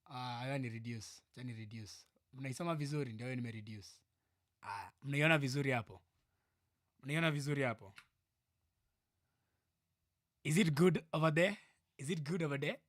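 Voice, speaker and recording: A man's voice: medium pitch, normal speed, long pauses, dry recording, clean studio sound. A young Kenyan man in his twenties ranting heatedly on a livestream, repeating himself and dropping into mutters. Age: 20s. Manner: loud, heated and repetitive, often dropping to mutters. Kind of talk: livestream reaction rant.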